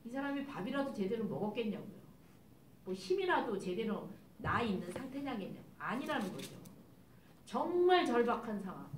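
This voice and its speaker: Woman missionary preaching, kinda high voice, pushes hard with questions at the crowd, far off mic with faint room hum. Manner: emphatic, asks the congregation rhetorical questions. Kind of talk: sermon. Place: church sanctuary. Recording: echoey church hall, distant mic.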